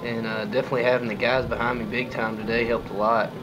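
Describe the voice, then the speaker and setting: A young man in his twenties, a college pitcher, answering postgame questions in a relaxed, modest way with lots of fillers. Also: fast talker, dull audio, noisy background. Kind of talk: postgame press conference. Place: press room before a sponsor backdrop.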